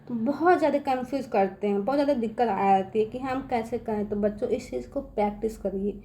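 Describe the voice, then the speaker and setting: A young woman with a fairly high voice teaches children how to spell, speaking slowly and patiently. She checks in with them after nearly every line and repeats each step. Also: warm tone. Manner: repeats "theek hai" constantly, patient and drawn-out; addresses viewers as children.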